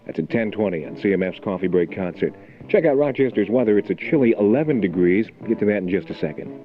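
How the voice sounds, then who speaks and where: A man with a fairly low, expressive, fast voice does album rock DJ patter on a morning rock radio show, laid-back and conversational as he gives local announcements in the studio. The 1980 aircheck sounds muffled and phone-like, with music underneath.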